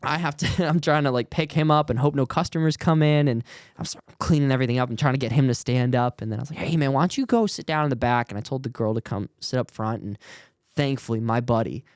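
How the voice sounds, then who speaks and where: Young guy telling a story on a podcast, animated, acts out the people, dry close sound. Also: mid-range voice, fast talker, smooth, dry recording. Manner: animated, acts out the quoted voices. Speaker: worship leader, podcast guest. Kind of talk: casual storytelling.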